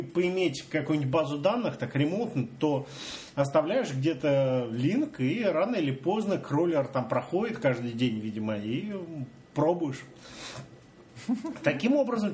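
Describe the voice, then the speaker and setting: Casual male host, halting delivery, a bit high, light background hiss. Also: expressive, darkish tone. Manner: halting, restarts words, trails off. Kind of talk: casual chat.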